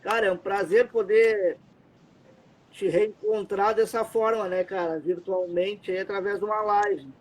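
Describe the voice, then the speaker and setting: A man's voice: steady tone, a little slow. A Brazilian man hosting a casual live stream from a dim room, talking in a rambling way with many fillers. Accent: Brazilian Portuguese. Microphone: computer mic, headset removed. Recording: muffled lo-fi audio with faint rumble.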